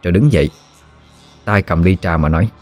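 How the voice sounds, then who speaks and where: A man with a Southern Vietnamese accent narrating a scripted horror story in a steady, measured way. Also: sits low, faint music behind.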